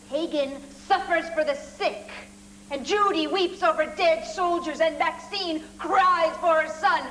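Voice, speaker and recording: A woman's voice: high-pitched, a bit bright, a little hiss or hum, rough recording. An actress playing a bitter young model who cuttingly accuses the older women around her in a 1980s TV drama. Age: young adult. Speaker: actress in a TV miniseries.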